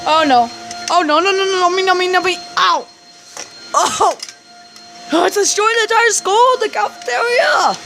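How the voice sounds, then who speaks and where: A woman's voice: extremely high pitch, moderate pace, bright, forceful tone, faint music behind, heavily acted. A woman voicing a panicky, melodramatic middle schooler in an amateur cartoon skit, with exclamatory, repetitive wailing. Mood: panicked.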